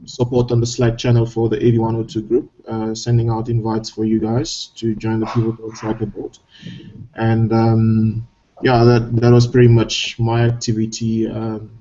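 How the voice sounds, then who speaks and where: A man from Cameroon hosts a casual online scrum. His voice is dark and mellow, and his talk is relaxed and halting, full of fillers and restarts. The video-call audio sounds dull and muffled. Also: medium pitch, a little hiss or hum. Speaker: scrum host.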